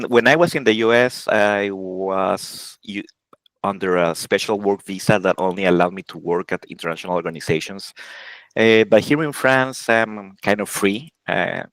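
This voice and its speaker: A man in his forties from Honduras talks through his career as an interview guest. He speaks casually and haltingly, stopping and restarting his sentences often. His voice sits fairly low, and the recording is dry with no room echo. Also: a bit bright. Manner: halting, many restarts and self-corrections, laughs often. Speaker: game programmer, interview guest.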